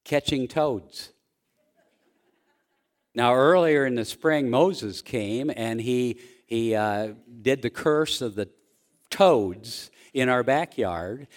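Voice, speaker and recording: A middle-aged man preaching a sermon as pastor, telling homely stories slowly with frequent fillers. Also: mid-range voice. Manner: slow, folksy storytelling with frequent fillers.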